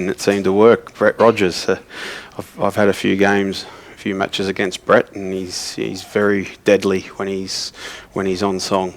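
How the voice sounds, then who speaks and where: A man from Australia co-commentating a snooker match, rambling through stories with many pauses and ums. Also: low-pitched, vocal fry, a little hiss or hum. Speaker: co-commentator and former player. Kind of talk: relaxed snooker commentary and anecdotes.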